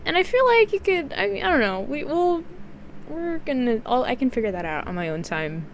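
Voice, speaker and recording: A woman's voice: high voice, big pitch swings, fairly quick, slight background noise. A woman chatting casually between players at a tabletop game, helpful and laughing often.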